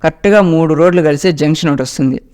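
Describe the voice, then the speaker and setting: A man's voice: on the high side, rapid-fire, darkish tone. A man narrating a first-person ghost story in a dramatic storytelling manner.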